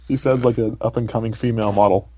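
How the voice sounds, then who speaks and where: A man's voice: medium pitch, mellow. A young man co-hosting a podcast, chatting casually with lots of fillers and frequent laughter. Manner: rambling, filler-heavy, laughs often. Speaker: podcast co-host. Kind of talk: casual chat.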